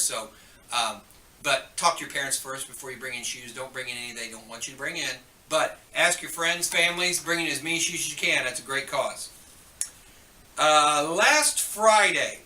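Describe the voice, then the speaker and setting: A man's voice: medium pitch, sharp tone, roomy sound, far from the mic. A man giving chatty, joking school morning announcements, turning stern when he scolds students, heard over the school intercom.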